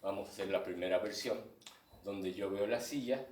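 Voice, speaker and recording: A man's voice: lowish voice, moderate pace, darkish tone, slight background noise. Mexican guy explaining clown timing to a crowd, sounds far from the mic, roomy. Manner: explanatory, acts out audience thoughts in asides. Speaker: clown and author presenting his book. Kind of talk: live talk explaining clowning with demonstrations. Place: live event room with audience. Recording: echoey room, distant mic.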